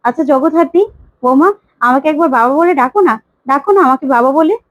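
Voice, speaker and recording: A woman's voice: high-pitched, fast, no room sound, lo-fi sound, natural voice. Woman voicing a pleading older father figure. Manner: pleading, repeats his plea. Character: emotional older man longing to be called father.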